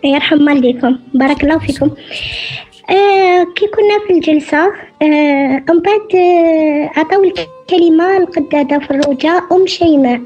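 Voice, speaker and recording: Caller: middle-aged Algerian woman over the phone, high voice, hesitant telling, faint music behind. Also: darkish tone. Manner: halting, many hesitant fillers. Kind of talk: telling her story in a call-in show. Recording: dull phone line.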